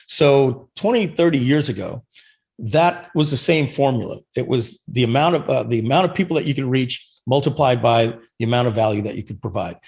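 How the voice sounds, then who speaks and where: A man's voice: mid-range voice, a little fast, vocal fry, darkish tone. A man as a podcast guest, earnestly explaining sales and marketing in casual chat. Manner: earnest explaining, many restarts and fillers.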